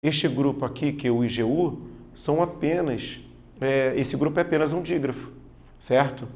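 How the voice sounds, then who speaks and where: A man teaches an exam-prep grammar lesson in Portuguese at normal speed, his medium-pitched voice a little mellow. Patiently explaining, he leans on stressed examples and repeatedly asks "tá vendo?" and "certo?" to confirm students are following.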